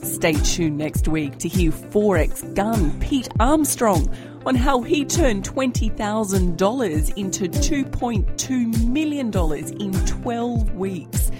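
A woman hosting a podcast, asking friendly, clear questions and signing off the show. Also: medium pitch. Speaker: podcast host. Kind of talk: podcast interview and sign-off. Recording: dry close mic with faint music.

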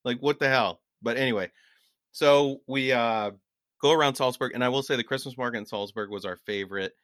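A man's voice: mid-range voice, fairly quick, a bit bright, no room sound, clean studio sound. A man co-hosting a podcast, telling rambling travel stories in casual chat and laughing at his own anecdotes. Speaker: podcast co-host.

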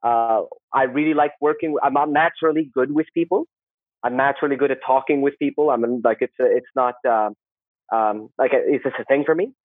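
A man from Saudi Arabia, telling personal stories casually in an interview in a rambling, halting way that repeats words and phrases. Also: medium pitch, no room sound, narrow, tinny audio. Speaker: podcast guest, social worker.

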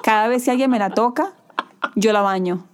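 Woman in her 30s, casual chat, animated storyteller, acts out voices. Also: fairly high pitch, moderate pace, crowd noise. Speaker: co-host, new mother.

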